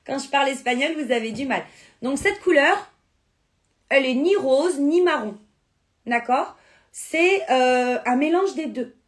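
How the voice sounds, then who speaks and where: A woman with a high-pitched, lively voice takes her time, pausing often, as she casually chats on a live stream selling beauty products and answering viewers. Her first language is Spanish, and she was born in France to a Spanish family.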